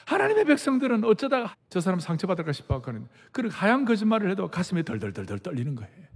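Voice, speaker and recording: A man in his sixties, a senior pastor preaching a sermon, emphatic, repeating key phrases and swinging from hushed to loud. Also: high voice, huge pitch swings, rapid-fire, breathy edge. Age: 60s. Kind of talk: sermon with personal anecdote. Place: large church sanctuary. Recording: long reverb of a big hall.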